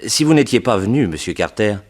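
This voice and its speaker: Acting in a 1960s French radio detective drama, a man plays a measured, courteous bachelor doctor and researcher. His low voice is animated and brisk, with a measured, concerned mood.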